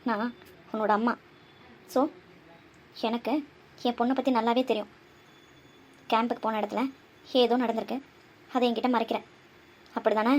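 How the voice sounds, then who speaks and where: A woman's voice: on the high side, flat delivery, a little slow, long pauses, a little hiss or hum. A woman voicing a stern probing mother. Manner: probing, scolding, firm. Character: probing middle-aged mother, stern and watchful. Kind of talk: cartoon voice acting.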